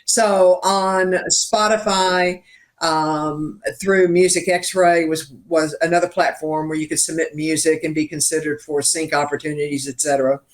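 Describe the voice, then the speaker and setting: An older songwriter from Richmond, Virginia, telling his story as a guest in an interview, acting out quoted dialogue and laughing at his own jokes. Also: fairly high pitch. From Richmond, Virginia, USA.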